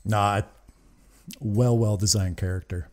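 This reaction video host takes it slowly, his lowish voice keeping fairly even intonation as he offers casual, enthusiastic commentary full of swearing. He's at a desk in a small indoor room, miked closely with a large desk microphone.

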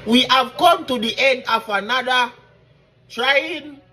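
A man's voice: extremely high pitch, takes it slowly, bright, forceful tone, husky. A man from Jamaica hosting a casual comic food-tasting video, chatting playfully and asking viewers directly for help.

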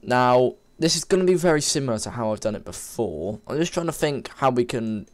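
Sniffling a bit from a cold, this male game development tutor chats casually through a coding lesson at his computer, picked up by a desk microphone. His voice sits at medium pitch with lively intonation and a slightly fast pace. He rambles informally and keeps correcting himself while typing.

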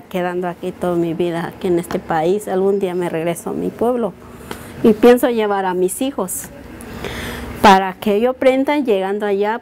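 A woman in her thirties from Mexico, a native Mixtec speaker with a Mixtec accent, talking in an interview in an earnest, halting way that often circles back and repeats itself. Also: medium pitch, darkish tone, slight background noise. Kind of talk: casual interview.

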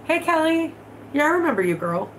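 High-pitched, sing-song, and brisk, a woman in her thirties hosts a casual vlog livestream from her living room at home, stuffed up from allergies. She chats bluntly and swears freely while working with her hands, and the rough recording has a little hiss or hum.

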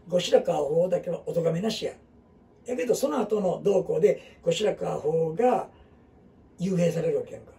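A middle-aged man with a Kansai Japanese accent teaches a group in casual classroom talk, rambling in dialect and full of fillers and asides. His voice is high-pitched and dark-toned with vocal fry, recorded from a distance.

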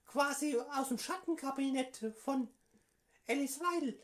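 A man's voice: very high voice, measured pace, fairly bright tone, voice pushed up. A man voicing a pushy, mock-official woman party envoy on a prank phone call, insistent and evasive. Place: small room at home, indoors.

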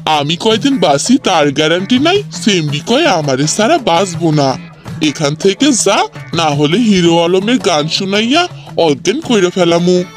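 A man with a Bangladeshi accent voicing a grumpy, quick-tempered old village tea seller in a comic cartoon, scolding and threatening. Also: high-pitched, very animated, soft background music. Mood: indignant.

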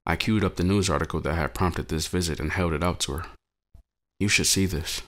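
A man with a very deep, low voice narrates a dramatic short story in the first person. His delivery is measured and brooding, and he reads steadily through emotional scenes. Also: steady tone.

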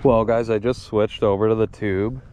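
A man's voice: lowish voice, normal speed, dull audio, slight background noise. A man in his thirties talking casually and upbeat while fishing from a boat on a lake. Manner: relaxed, chatty, upbeat. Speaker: fishing vlogger. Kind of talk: casual on-the-water commentary. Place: boat on a large lake, outdoors.

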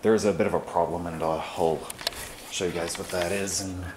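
Young man, very low voice, loose rambling home tour; noisy handheld camera audio. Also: fairly even intonation, normal speed. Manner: rambling, loose, lots of fillers. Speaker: vlogger. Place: carpeted family house indoors. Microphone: handheld camera mic.

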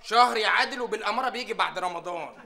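A man's voice: high voice, rapid-fire, gravelly, crowd noise. An actor playing a naive, stubborn, childish young man in a comedy series, speaking with an Egyptian accent and protesting with comic indignation. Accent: Egyptian Arabic. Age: young adult.

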